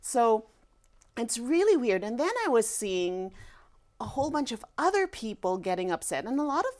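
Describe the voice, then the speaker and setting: A woman's voice: fairly high pitch, very animated, moderate pace. Woman doctor in an emphatic interview. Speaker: guest family physician. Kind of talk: conversational broadcast interview.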